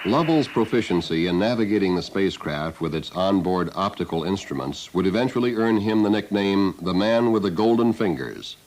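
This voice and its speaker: A man narrating a scripted documentary in a solemn, grand, deliberate manner. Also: lowish voice, a little mellow, low-quality recording. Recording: music under the narration. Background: music.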